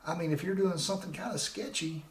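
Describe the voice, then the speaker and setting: Speaking fast in a voice that sits high, a podcast host in his forties rambles through casual solo talk with many restarts. His desk microphone and laptop setup picks up a roomy sound.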